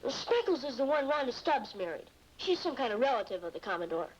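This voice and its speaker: An actor playing an earnest, slangy American schoolboy who leads a kids' gang in a 1950s TV detective drama. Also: male voice, very high voice, very animated, fast talker. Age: child or young teen. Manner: earnest, slangy, polite boyish. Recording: muffled vintage TV soundtrack, faint noise.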